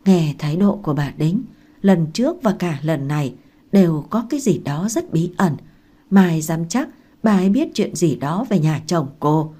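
A woman narrating a novel aloud in a calm, steady reading voice. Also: on the low side, normal speed. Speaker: audiobook narrator. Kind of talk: story narration.

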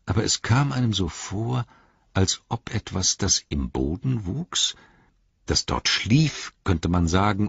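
Deep man reading a story aloud, slow and expressive, gravelly husky voice. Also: no room sound, highs cut off. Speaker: audiobook reader. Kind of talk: scripted narration.

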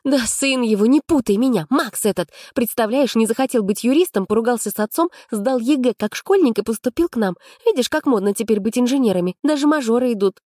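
A woman reading an audiobook, voicing an excitable, gossipy young female student who gushes breathlessly. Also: a little high, fairly quick, few pauses, no echo, studio quality, pitched above the performer's own voice. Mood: gushing.

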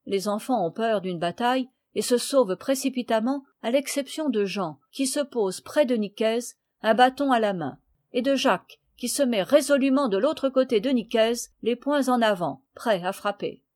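A woman reading a classic children's novel aloud in a measured, steady way. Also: a little high, dry recording, studio quality. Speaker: reader.

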